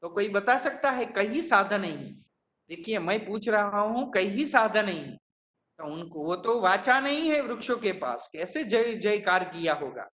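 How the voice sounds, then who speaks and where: High-voiced, slow man teaching Sanskrit. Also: big pitch swings, a bit bright. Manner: questions students, repeats verse words slowly. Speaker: Sanskrit professor. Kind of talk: classroom lecture on Sanskrit verse.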